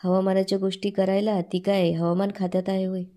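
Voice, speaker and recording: A scornful older mother-in-law from a TV serial scolds her husband, as a woman narrator reads her lines. She sounds mocking and sharp-tongued, though her voice stays soft and dark in tone. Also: mid-range voice, flat delivery, brisk, close to an everyday voice.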